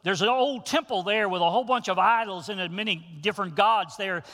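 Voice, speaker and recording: High bright-voiced preacher in a reverberant hall. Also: male voice, brisk. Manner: animated storytelling preacher, folksy asides. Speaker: pastor. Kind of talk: sermon.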